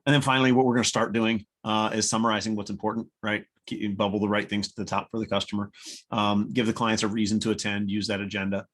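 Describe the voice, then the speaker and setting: Fast-talking blunt man presenting. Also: lowish voice. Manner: blunt, energetic, casual with mild swearing; acts out customer dialogue. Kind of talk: conference talk replayed on a webinar.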